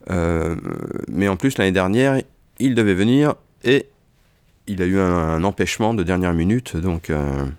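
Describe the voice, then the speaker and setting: A bookseller presenting authors in a relaxed chat, hesitant, with many fillers and restarts. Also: male voice, deep voice, normal speed, clean tone, no room sound.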